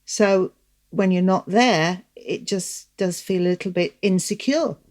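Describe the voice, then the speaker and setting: A counsellor speaking calmly and thoughtfully on a podcast, often ending with tag questions. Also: female voice, on the low side, measured pace. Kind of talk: reflective podcast discussion.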